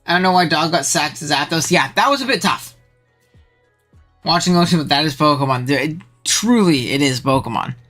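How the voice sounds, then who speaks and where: A streamer giving casual live commentary on a game match, slangy and excitable, with the voice jumping high when thrilled. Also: fairly quick, soft background music.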